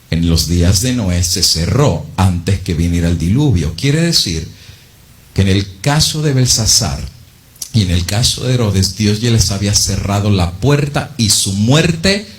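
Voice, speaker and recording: A male preacher in a church delivers a sermon, firing off rhetorical questions. His voice swings from low, slow warnings up to sharp, high-pitched peaks.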